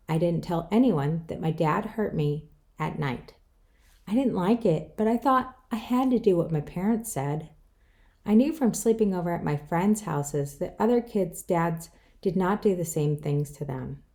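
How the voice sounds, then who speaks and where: A woman author reads her own children's book aloud from a script, telling the story in the first person. Her voice is lowish with a dark tone.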